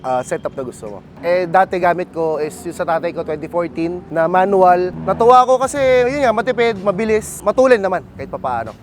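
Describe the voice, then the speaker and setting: A young man with a Filipino accent, chatting outdoors about his car in a relaxed way and dropping "bro" into his answers. His voice sits high, with faint street noise around him. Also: a little fast, few pauses. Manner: relaxed, casual, says "bro" often. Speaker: car owner guest.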